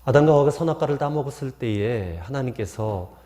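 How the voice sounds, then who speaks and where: A male pastor delivers a sermon in a mellow, warm tone. His pitch rises and falls in animated swings as he asks rhetorical questions. He slips into folksy anecdotes to make his points. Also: brisk. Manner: poses rhetorical questions to the congregation.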